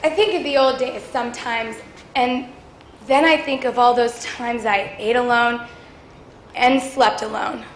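Woman playing a ballplayer's wife on stage, wistful and confiding, high voice, echoey hall. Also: fairly even intonation, unhurried, a little hiss or hum, close to an everyday voice. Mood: reflective. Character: long-suffering baseball player's wife. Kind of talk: stage monologue. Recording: echoey auditorium, faint ambience.

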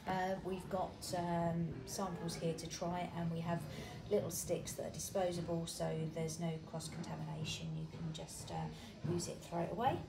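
A woman showing customers around her small shop, chatty and relaxed with plenty of ums. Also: on the low side, normal speed, hardly any pauses. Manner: chatty and relaxed, many fillers like um and uh. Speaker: shop owner giving a tour. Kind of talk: casual walk-through shop tour. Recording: echoey shop room with clear background noise.

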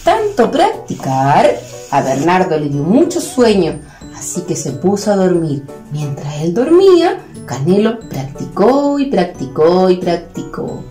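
A Chilean woman, a preschool educator, tells a picture-theater story to small children. Her delivery is sing-song and lively, with pitch rising and falling constantly. The room is echoey, with soft music in the background. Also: unhurried. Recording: roomy room with faint music.

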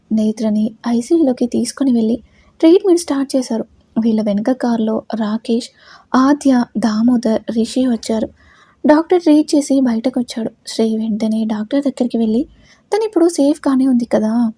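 A woman narrating a romance story in a steady storytelling reading. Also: on the high side, slightly rough, no room sound.

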